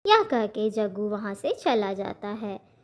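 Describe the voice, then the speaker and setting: A woman narrating a children's cartoon story in a plain, measured way. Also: medium pitch, sing-song.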